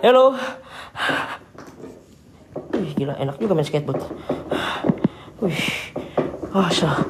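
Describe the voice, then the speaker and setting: A man's voice: fairly high pitch, big pitch swings, takes it slowly, heavy background noise. Young man taunting spirits in a night ghost hunt. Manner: taunting, challenging spirits, muttered prayers. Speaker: ghost-hunting host. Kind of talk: night ghost-hunting vlog. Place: abandoned house at night.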